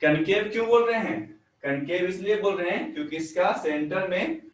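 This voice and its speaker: Teacher with an echoey, distant sound. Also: male voice, sits high, animated, normal speed. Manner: repeats "ठीक है", asks students questions. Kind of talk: online class lesson. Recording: echoey room, far from mic.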